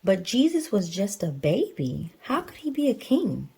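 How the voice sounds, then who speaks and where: A woman with a medium-pitched, sing-song voice that is creaky and dark speaks at a moderate pace, with slight background noise. She's a mother reading a picture book to her child, chatting casually and explaining things simply and patiently.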